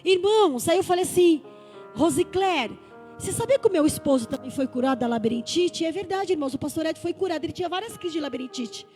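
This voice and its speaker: A woman pastor preaches a testimony in a very high voice. She acts out the dialogue of her story and builds to fervent exhortation. Soft music plays faintly behind her. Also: animated, quick pace. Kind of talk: testimony sermon.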